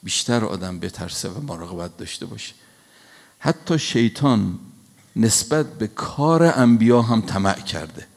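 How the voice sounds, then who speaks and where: A man giving a religious sermon, telling a scripture story slowly and emphatically, with recited verses. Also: on the low side, animated, gravelly. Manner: slow, emphatic storytelling with quoted Quranic Arabic. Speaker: preacher. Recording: long hall reverb.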